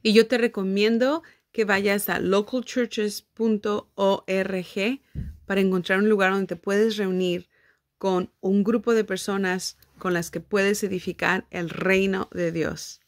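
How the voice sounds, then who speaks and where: A woman chats casually over a video, pausing to repeat each line in her own words. Her voice sits in an ordinary middle pitch. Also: steady tone. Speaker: video commentator translating a clip. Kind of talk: casual commentary and live translation.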